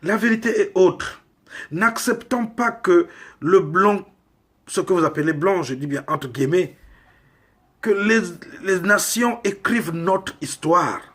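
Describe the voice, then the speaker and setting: A male preacher from Congo speaks in an unhurried, deliberate cadence. His voice sits a little high and carries a husky, breathy edge. He presses his points with emphatic rhetorical questions. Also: animated, fairly bright tone. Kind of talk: sermon.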